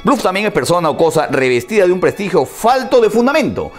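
Un hombre con acento peruano que presenta un espacio de radio y televisión. Lee definiciones de diccionario, se hace preguntas y las responde, y deletrea las palabras. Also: male voice, sits high, sing-song, fast, faint music behind. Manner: asks himself questions, then answers them; spells words out and notes their accent marks. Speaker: radio and TV host explaining word meanings. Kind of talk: reading dictionary definitions on air.

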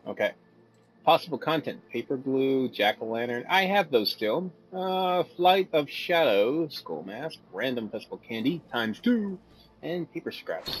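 A man giving casual, goofy commentary over his gameplay, easily distracted and quick to laugh. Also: on the high side, low-quality recording. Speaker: gameplay video host.

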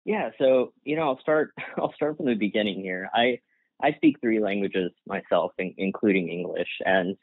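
A Gujarati-speaking man with a lowish voice answers interview questions as a guest workplace psychologist, keeping things casual with frequent restarts, fillers and light laughs. His pace is moderate, and the line sounds tinny and phone-like, dry with no echo.

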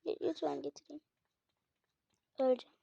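High-voiced woman in chatty game commentary. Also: normal speed, vocal fry, no echo. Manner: chatty, addresses viewers often, excitable exclamations. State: slightly unwell. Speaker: gaming channel host. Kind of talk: casual gameplay commentary. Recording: dull lo-fi dry recording.

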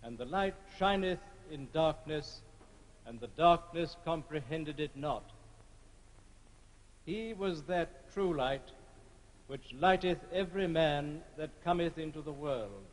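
A man reads scripture slowly in a fairly high voice, each phrase measured and solemn. A long cathedral echo trails after his words. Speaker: scripture reader. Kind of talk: formal scripture reading. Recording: long reverb of a large church.

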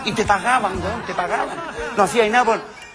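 A man in his fifties with a Chilean accent doing a crude, loud stand-up routine, slipping into quick character voices. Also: high voice, over loud music, over a noisy crowd. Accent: Chilean Spanish. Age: 50s. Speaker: stand-up comedian.

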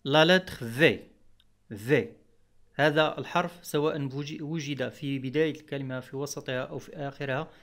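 A man's voice: mid-range voice, normal speed, a bit bright. A man teaching French letter sounds in Arabic, patiently repeating each example word. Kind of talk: explaining pronunciation rules.

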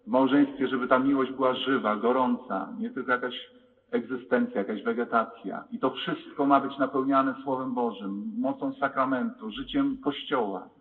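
A man, a priest, preaching a lively sermon in a large church, acting out the voices he quotes. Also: mid-range voice, normal speed, far from the mic. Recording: tinny lo-fi church recording with long reverb. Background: long church reverb.

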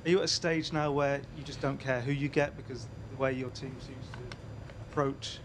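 A man's voice: mid-range voice, little pitch movement, normal speed, noisy background. A male reporter asking a hesitant, filler-laden question at a press conference.

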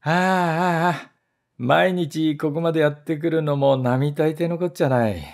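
A man's voice: sing-song, unhurried, darkish tone. A man voicing a sly, ungrateful little male mouse who talks down to others and wails shrilly when wronged. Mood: grumbling. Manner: smug and condescending, turning to shrill wailing.

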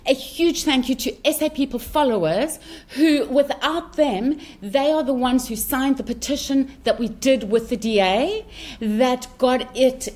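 A woman's voice: high-pitched, darkish tone. Emotional South African woman podcaster. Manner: emotional, tearful, gushing. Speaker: podcast co-host. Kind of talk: casual podcast chat. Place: home in France, remote call.

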